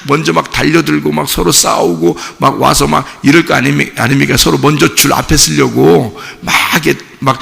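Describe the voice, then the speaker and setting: Male pastor at a dawn service, very gravelly voice, keeps repeating himself and asking the room questions, long church echo. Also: a little high, fairly even intonation, a little fast, hardly any pauses, a bit bright. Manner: conversational preaching full of repetitions and rhetorical questions. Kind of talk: early-morning sermon. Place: church sanctuary.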